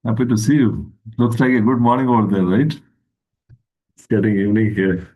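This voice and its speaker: Male spiritual speaker, video call, unhurried and reflective, mellow and lowish. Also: fairly even intonation, muffled recording. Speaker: guest speaker.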